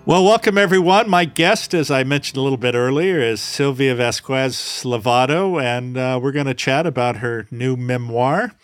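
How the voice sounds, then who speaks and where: A man's voice: mid-range voice, moderate pace, few pauses, clean tone, dry recording, faint music behind. Man hosting a podcast, dry close sound. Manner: warm, gently hesitant, with many uh fillers. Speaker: podcast host. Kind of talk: podcast interview.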